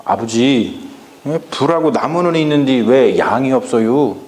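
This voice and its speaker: A man's voice: mid-range voice, animated, measured pace, darkish tone, lightly acted. A man voicing a young son questioning his father, in a country dialect, within a sermon. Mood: pleading. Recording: echoey church hall.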